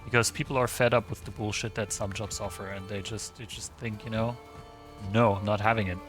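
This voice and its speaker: A man's voice: lowish voice, steady tone, fairly quick, over music. Chatty man streaming a game. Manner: chatty, rambling, swears casually, many restarts. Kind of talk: casual gaming commentary.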